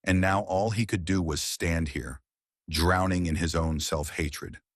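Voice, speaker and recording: A man narrating a romance story in a measured, dramatic storytelling manner. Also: sits low, no room sound, clean studio sound.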